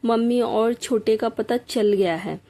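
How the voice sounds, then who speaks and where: A woman reading a storybook aloud, voicing a firm young man who is deeply moved. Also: slow pace, warm tone. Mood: emotional. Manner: firm, then tearful and reflective. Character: stern young man, tender underneath.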